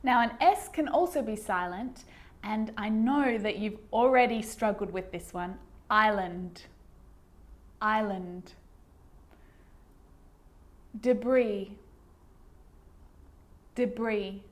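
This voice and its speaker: A woman teaching English pronunciation who says each example word twice, slowly and clearly. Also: on the high side, lively intonation. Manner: models words twice, clearly and deliberately. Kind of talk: slow instructional explanation.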